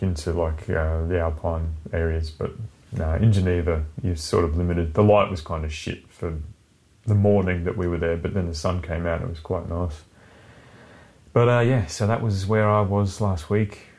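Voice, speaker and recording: A man with a very deep voice co-hosts a chatty podcast. He talks in a loose, sardonic way, dropping swear words freely. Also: a little mellow. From Britain. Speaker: podcast co-host. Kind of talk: casual chat.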